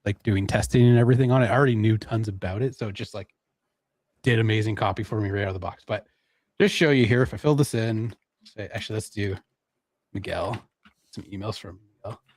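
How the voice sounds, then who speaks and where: A man with a Canadian accent presenting a live software demo in a casual, chatty way, laughing now and then. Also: fairly low pitch, quick pace, no room sound, clean studio sound.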